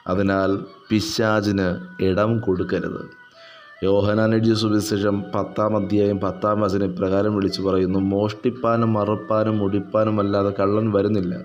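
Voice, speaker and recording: A Malayali-accented male pastor reads scripture and preaches in a slow, solemn, measured way. His voice sits fairly low. The recording is dull and lo-fi, with quiet devotional music underneath. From Kerala, India. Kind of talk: devotional Bible reading and sermon. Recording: dull lo-fi audio with soft music behind.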